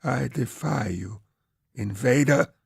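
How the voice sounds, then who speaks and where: Guy putting on a husky old man voice, thick antique accent, slow and defiant, dry close sound. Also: medium pitch, no echo, pitched above the performer's own voice, heavily acted. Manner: defiant, scornful, wavering. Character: frail elderly man, defiant self-proclaimed emperor's servant. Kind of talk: audiobook character reading.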